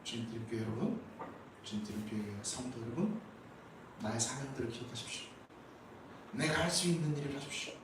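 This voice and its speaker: A man's voice: medium pitch, animated, brisk, long pauses. A man preaching a Sunday sermon as pastor, emphatic and full of rhetorical questions, in a church sanctuary. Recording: echoey church hall, from far off, faint noise.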